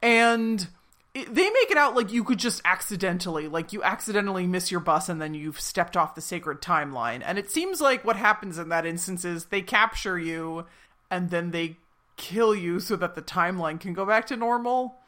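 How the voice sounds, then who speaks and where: A woman with a fairly low-pitched voice chats casually as a podcast co-host. She retells a story animatedly, laughing along and peppering her speech with fillers. The delivery is loose and conversational. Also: lively intonation, normal speed, a bit bright. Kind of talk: casual chat recapping a TV episode.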